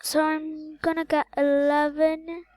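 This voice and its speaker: Casting: high-pitched female gamer, very slow delivery, hesitant and repetitive, dry close sound. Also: flat delivery, a little mellow, dry recording, low-quality recording. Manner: halting, repeats words, counts aloud. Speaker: gaming channel host. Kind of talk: casual gameplay commentary.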